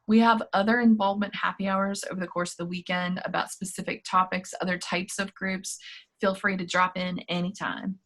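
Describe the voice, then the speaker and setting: A woman's voice: medium pitch, level tone, brisk, a bit bright. A woman on staff hosting a virtual campus meeting in an upbeat, chatty, encouraging way over a video call. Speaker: student activities staff host. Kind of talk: casual virtual meeting talk.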